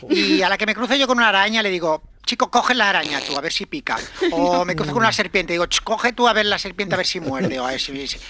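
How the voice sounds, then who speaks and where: A man's voice: high-pitched, expressive, fast, bright, forceful tone. A man playing a snobbish, callous Spanish woman living abroad, in a radio comedy sketch, talking in a breezy, self-satisfied way. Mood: careless.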